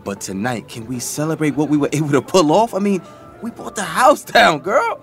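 A man's voice: a little high, lively intonation, normal speed, a bit bright. An actor playing a brash young male rapper and DJ, talking in slangy, boisterous hype-man style. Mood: soothing, casual. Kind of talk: audio drama acting. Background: music.

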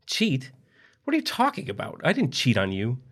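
Male reader voicing a panicky husband, high strained yelps, whiny and indignant. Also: very animated, fast, husky. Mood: panicked.

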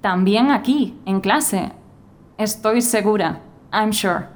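A woman in her twenties from Spain with a Spanish-from-Spain accent, narrating a scripted learner story as a new teacher. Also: mid-range voice. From Spain (Galicia). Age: 20s. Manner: slow, clear, carefully spoken.

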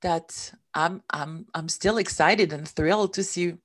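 This guest, a middle-aged woman from Switzerland, has a lowish voice and speaks a little slowly. In a candid interview she recounts her story reflectively, making a few small grammar mistakes typical of a non-native English speaker.

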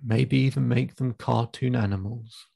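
A man with a gravelly, mellow voice leads a guided visualization as a therapist. He speaks slowly and calmly, giving step-by-step cues and counting the listener in. The sound is close and dry. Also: medium pitch, no room sound. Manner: slow, calm, instructive pacing with counted cues. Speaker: therapist guiding a client.

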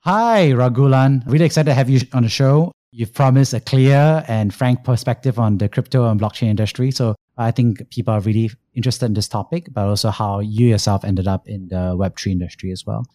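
A man's voice: medium pitch, a little fast, few pauses, mellow, no room sound, faint music behind. A man hosting a podcast, asking his guest questions in an upbeat way. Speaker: podcast host. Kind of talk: podcast interview.

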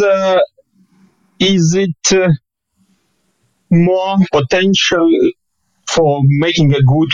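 A man from Latvia who asks a long, deliberate question, pausing often with fillers. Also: medium pitch, dry recording, low-quality recording. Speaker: wine ambassador asking a question. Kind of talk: audience question in an online audio room.

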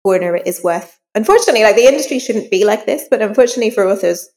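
Expressive and very fast, a female author talks in a mid-range, slightly mellow voice. She's an informal, candid interview guest who reflects as she speaks during a casual conversation, recorded with long reverberant room sound.

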